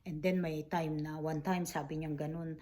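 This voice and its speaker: A middle-aged woman recalling caring for her late mother, speaking softly and haltingly, mixing in English phrases. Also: low voice, level tone. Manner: soft, halting, with many fillers; mixes Tagalog with English phrases. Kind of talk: personal storytelling vlog.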